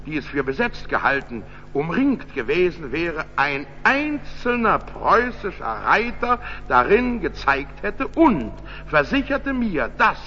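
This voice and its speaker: A man reading an old-fashioned short story aloud in a measured storytelling manner. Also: a little high, sing-song, sharp tone. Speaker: reader. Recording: dull echoey recording with faint hum.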